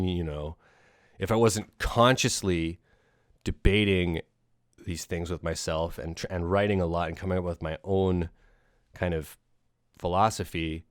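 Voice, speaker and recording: A man's voice: low voice, no room sound, studio quality. A man hosting a podcast, chatting casually about a film in a rambling way, with lots of fillers, restarts and casual swearing. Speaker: podcast host.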